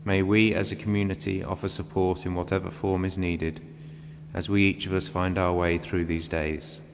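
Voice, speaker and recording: Man, low voice, very level intonation. Solemn prayer reader in a big echoing church. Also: little pitch movement. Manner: solemn, measured phrasing. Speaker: reader of intercessions. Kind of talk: liturgical prayer reading. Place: large reverberant church, indoors. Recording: long church reverb, background hum.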